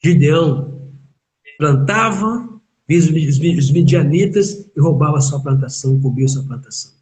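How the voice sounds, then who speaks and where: Man, Brazilian Portuguese accent, pastor, emphatic sermon, rhetorical questions, higher-pitched. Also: animated, moderate pace, darkish tone. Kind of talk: sermon in a live online chat.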